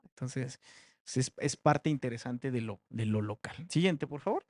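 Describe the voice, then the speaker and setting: A man's voice: medium pitch, lively intonation, normal speed, a little mellow, no room sound. A man giving a classroom research presentation, talking conversationally with many fillers and tag questions.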